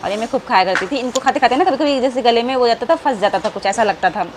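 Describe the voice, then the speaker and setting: A woman's voice: on the high side, fast. An adult woman chatting affectionately to her viewers in a casual home vlog. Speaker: family vlogger. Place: family home indoors. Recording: noisy home background.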